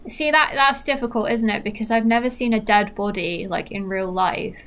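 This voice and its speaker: A young woman from Manchester, England, with a faint Mancunian accent, co-hosts a casual film podcast at a normal pace in a medium-pitched, fairly bright voice. She rambles chattily, packing her talk with fillers and laughs.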